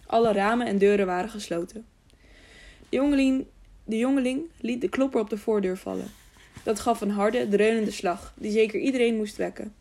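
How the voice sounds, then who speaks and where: A woman's voice: medium pitch, a little mellow. A woman narrating an audiobook. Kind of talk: scripted narration.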